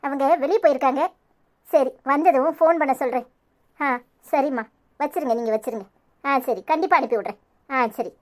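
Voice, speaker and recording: A woman voicing a calm, caring young woman friend in a cartoon, speaking reassuringly in a Tirunelveli accent. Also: high voice, a little fast, close to an everyday voice. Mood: polite. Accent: Tirunelveli Tamil. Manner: soothing, reassuring.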